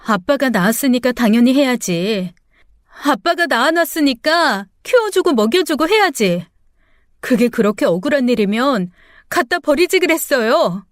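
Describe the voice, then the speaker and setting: A woman voicing a grown daughter who is bitter and defiant toward her father, with sharp, accusing, tearful protests. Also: sits high, lively intonation, moderate pace, no echo, studio quality. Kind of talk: radio drama acting.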